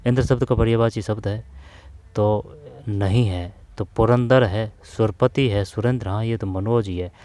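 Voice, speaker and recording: A man teaching an exam-prep grammar lesson, repeating terms slowly and often calling his viewers "brother". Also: on the low side, steady tone, a little mellow. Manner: repetitive, drawn-out explaining, addresses viewers as bhai.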